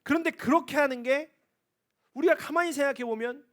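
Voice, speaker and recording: A man's voice: very high-pitched, brisk, fairly bright tone. A male pastor giving a Sunday sermon in a church, preaching emphatically with rising, pleading phrases. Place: church sanctuary.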